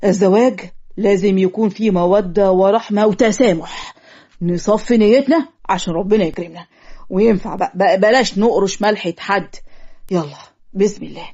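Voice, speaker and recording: On muffled, lo-fi audio, a woman with an Egyptian accent plays a young male marriage officiant in a cartoon, clumsy and teasing, trading fast comic comebacks. Her natural voice is mellow and sits at a medium pitch.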